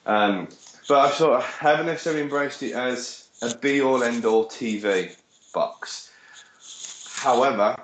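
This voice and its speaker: Sweary Brummie man in an echoey room. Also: medium pitch. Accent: Birmingham. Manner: rambling, sweary, animated. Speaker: podcast co-host. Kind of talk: casual podcast chat. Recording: echoey room with faint noise.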